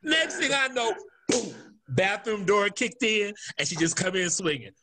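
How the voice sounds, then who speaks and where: A man's voice: high-pitched, animated, a little slow, background noise. A man co-hosting a casual group chat, telling a childhood story with lots of laughter. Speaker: podcast co-host.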